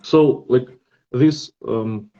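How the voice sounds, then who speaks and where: A man's voice: mid-range voice, drawn-out words, warm tone, highs cut off. A man from Belarus speaking with a Belarusian accent, a guest on a casual podcast, hesitant and searching for his words. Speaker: guest artist.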